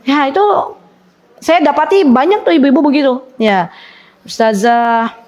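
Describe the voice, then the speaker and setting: A woman's voice: high-pitched, lively intonation, moderate pace, darkish tone. A woman giving a conversational religious lecture to a women's study circle, chatty, asking her listeners questions and acting out their regrets. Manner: chatty, asks the audience questions, acts out quoted laments. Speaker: Islamic teacher leading a women's study circle.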